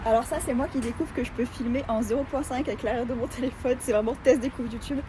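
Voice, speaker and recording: A woman's voice: on the high side, fairly even intonation, fast, over loud music. A young woman chatting casually in a vlog, self-mocking and trailing off into hesitant asides, recorded on a phone held at arm's length. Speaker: vlogger. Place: apartment rooms and city streets. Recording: echoey phone audio with faint hum.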